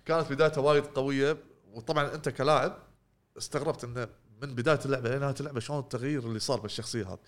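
A man talks very fast in casual gaming podcast chat. He rambles, trailing off mid-word and restarting often, at a middling pitch. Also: steady tone. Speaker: podcast co-host.

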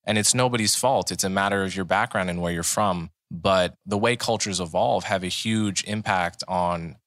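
Deep-voiced man, bright and dry. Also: no echo. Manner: measured, explanatory. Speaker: podcast host. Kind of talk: conversational interview.

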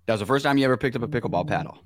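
A man co-hosting an interview, asking steady questions and offering brief acknowledgments. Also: medium pitch, very fast, no room sound, clean studio sound. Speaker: podcast co-host.

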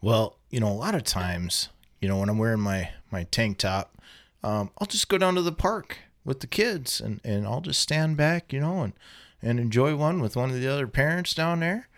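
Halting man in comedic banter. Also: mid-range voice, lively intonation, a bit bright. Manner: hesitant, halting, heavy on "uh" and "you know". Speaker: podcast co-host.

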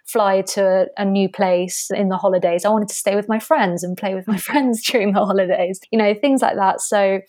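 A woman's voice: mid-range voice, steady tone, normal speed, few pauses, a little mellow, no echo. Reflective woman guest with dry sound. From Spain. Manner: open, reflective, often breaking into light laughter. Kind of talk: reflective casual storytelling.

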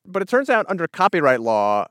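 A man's voice: on the high side, big pitch swings, fairly quick, a bit bright, dry recording, studio quality. An American man speaking as a playful, conversational podcast co-host. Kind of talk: conversational radio hosting.

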